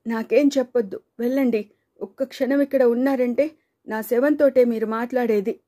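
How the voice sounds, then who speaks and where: A woman's voice: on the high side, fairly even intonation, normal speed, warm tone, pitched above the performer's own voice, natural voice. A woman voicing a sobbing distraught mother. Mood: anguished, shouting. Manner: sobbing, pleading outbursts. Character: distraught middle-aged mother, anguished and remorseful.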